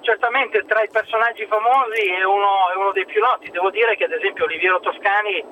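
A man speaks over the phone in a light, high voice, recounting stories as a food expert guest. The line sounds thin and tinny, with a faint hiss of noise behind him. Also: fairly even intonation, quick pace. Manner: chatty, anecdotal storytelling.

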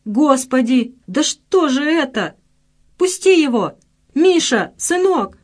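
A woman voicing a frightened middle-aged market trader who pleads in a raised, high voice. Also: flat delivery, takes it slowly, warm tone. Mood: panicked.

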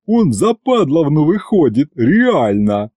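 A man's voice: a little high, sing-song, takes it slowly, no echo, dull audio, voice pushed up, full character voice. A man doing a cheeky young henchman. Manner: cheeky, shouting.

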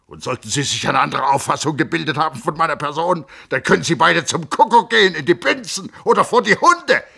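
A man voicing an irascible middle-aged male sanatorium chief doctor in an audiobook reading, gruff and blustering. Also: fairly low pitch, animated, normal speed, pitched above the performer's own voice. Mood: raging. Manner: gruff, blustering, explodes into shouting.

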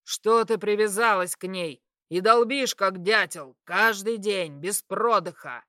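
A woman reading an audiobook, voicing a blunt, gruff middle-aged father who grumbles and scolds. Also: mid-range voice, measured pace, bright, forceful tone, no echo, clean studio sound. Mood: stern.

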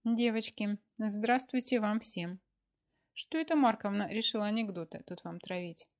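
A woman voicing a stern, bossy older wife who scolds with a sharp tongue in a read-aloud story. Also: medium pitch, normal speed, close to an everyday voice. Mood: scolding.

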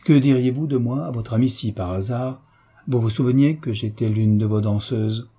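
A man's voice: mid-range voice, normal speed, warm tone, husky. A man voicing a frank, shy young woman at a ball, earnest and hesitant.

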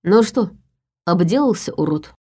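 A woman's voice: mid-range voice, lively intonation, normal speed, dark tone, natural voice. A woman doing a possessed young man, mocking. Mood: cold mocking. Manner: taunting, menacing.

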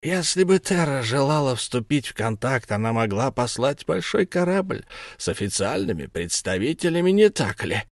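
A man's voice: mid-range voice, very animated, normal speed, no echo, clean studio sound, pitched above the performer's own voice. A man voicing a smug, menacing humanoid alien interrogator who lisps, in an audiobook. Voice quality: lisping. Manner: mocking, condescending questioning. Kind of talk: audiobook character voice.

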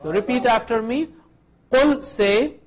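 A man's voice: extremely high pitch, very slow. A man teaching Arabic verbs to a class, patiently drilling each form and having students repeat after him.

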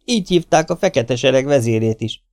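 A man voicing a calm, polite television reporter with a smooth manner. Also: mid-range voice, no room sound, clean studio sound, pitched above the performer's own voice, close to an everyday voice.

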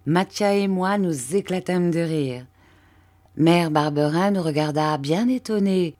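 A woman reads a classic novel aloud in a low, steady voice. She tells the story at an even, measured pace, in the manner of an audiobook. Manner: measured storytelling, lifting her voice for quoted characters. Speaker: audiobook reader.

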